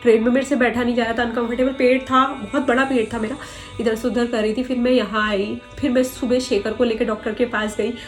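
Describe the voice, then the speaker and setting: A young woman recounting her own struggles to the camera, earnest and rambling. Her voice sits a little high for a woman, with faint music underneath. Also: flat delivery, a little fast. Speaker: vlogger. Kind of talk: emotional personal storytelling.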